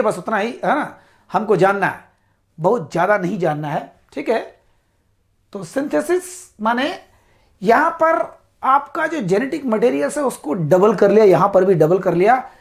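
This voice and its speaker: Woman teaching a biology lecture. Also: medium pitch. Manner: repeats "ठीक है" to check understanding, drills terms slowly; addresses students as "साथियों". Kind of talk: whiteboard lecture.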